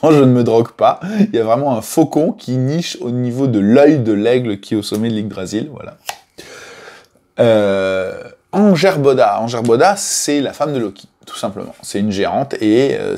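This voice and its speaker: A man's voice: lowish voice, normal speed, creaky. A man casually telling the stories behind a board game's mythology, chatty and full of fillers, stressing each new name. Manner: chatty, many fillers, lively emphasis on names. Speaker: game publisher presenting lore. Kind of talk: casual storytelling explanation.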